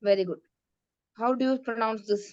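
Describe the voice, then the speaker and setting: Slow, patient woman teacher. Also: fairly high pitch, steady tone, clear, resonant tone, no room sound. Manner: mixes English into her talk. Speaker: Quran recitation teacher. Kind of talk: online class teaching kids. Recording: dry, dull lo-fi sound.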